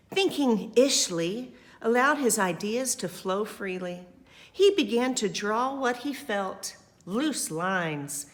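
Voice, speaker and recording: A slightly high-voiced woman reads a picture book out loud in the role of a school librarian. Her delivery is expressive and affectionate, broken up by cheerful, encouraging remarks to little kids.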